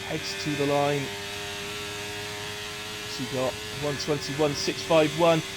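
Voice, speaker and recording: A man's voice: fairly high pitch, steady tone, takes it slowly, heavy background noise. A man giving live, conversational play-by-play commentary on online race qualifying, thinking aloud as he follows the cars. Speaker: sim racing commentator.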